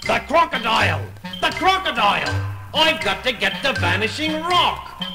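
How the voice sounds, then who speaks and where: Shrill, blustering Captain Hook. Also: male voice, big pitch swings, a little slow, full character voice. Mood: panicked. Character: furious, panicking pirate captain villain. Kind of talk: children's story record acting. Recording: echoey, loud music behind. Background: loud music.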